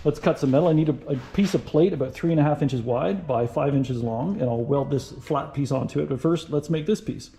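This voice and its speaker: Gravelly-voiced man talking through shop work. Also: a little high, fairly quick, hardly any pauses. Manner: chatty, thinks out loud, frequent "right?" check-ins. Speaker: car restoration vlogger. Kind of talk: casual how-to narration while working.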